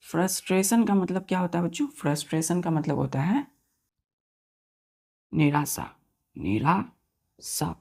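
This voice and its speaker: A woman teaching English vocabulary with a low-set, gravelly voice. She spells each word out slowly, letter by letter, and keeps repeating the meaning and asking whether it is clear. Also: expressive, dark tone. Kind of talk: vocabulary lesson for students.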